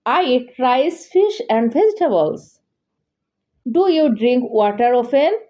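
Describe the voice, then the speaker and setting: A woman teaching English, saying each practice line twice in a slow, deliberate way for beginners. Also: high-pitched, expressive, dark tone, dull audio. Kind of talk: slow repeated dialogue drills for learners.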